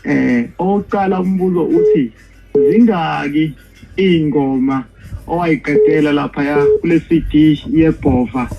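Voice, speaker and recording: Male caller, Zulu accent, hesitant casual questions, muffled phone sound, music clearly behind. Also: a little high, unhurried. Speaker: fan calling in with questions.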